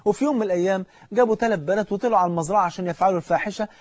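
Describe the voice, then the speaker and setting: A man's voice: sits high, racing, darkish tone, no room sound, lo-fi sound. A man with an Egyptian Arabic accent preaching a sermon, fervently urging the listener directly.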